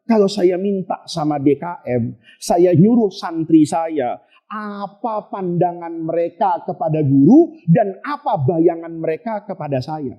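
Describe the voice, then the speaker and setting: A man's voice: fairly high pitch, expressive, measured pace, dull audio. Chuckling male preacher telling a story. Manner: jokey, chuckling, slangy asides. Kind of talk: humorous sermon storytelling.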